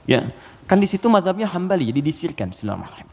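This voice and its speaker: A man delivers an Islamic sermon in an animated, storytelling way, breaking now and then into chanted Quran verses. His voice sits fairly high for a man. The sound carries a long hall reverb. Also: fast. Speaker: Islamic preacher. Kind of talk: lecture sermon.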